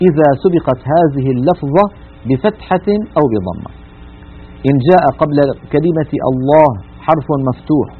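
A man teaching the rules of Quran recitation in a broadcast lesson, patient and methodical, slowly drawing out each example word. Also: fairly high pitch, slight background noise. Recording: tinny, narrow-band radio broadcast.

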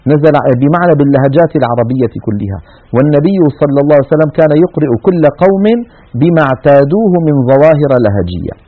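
Male recitation teacher, brisk lesson delivery, demonstrates sounds aloud, tinny lo-fi audio. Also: on the high side. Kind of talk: explanatory religious lesson. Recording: narrow phone-like audio.

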